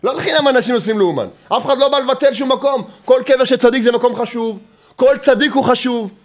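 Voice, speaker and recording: Very high-voiced and persistent, a man teaches Torah by repeating ideas and asking rhetorical questions, all in a lively manner sprinkled with humor.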